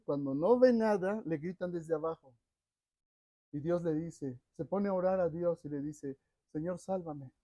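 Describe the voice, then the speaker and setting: A preacher with a high, dark-toned voice delivers a sermon with dramatic swings between loud urging and near-hushed lines. The sound is dry and close, with no room echo. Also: male voice.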